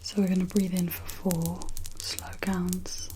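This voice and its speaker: A woman whispers a gentle pep talk in the style of guided ASMR. Her breathy delivery is very even and unhurried, with reassuring pauses. There is noticeable noise behind her. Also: lowish voice. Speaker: ASMR host guiding relaxation.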